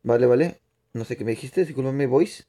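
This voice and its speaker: A man's voice: mid-range voice, brisk, dark tone. A young man with a put-on Spain Spanish accent, chatting with viewers and rambling through his explanations while he streams a game live. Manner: chatty, answers viewers' chat while playing, rambling restarts. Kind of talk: live gaming stream commentary.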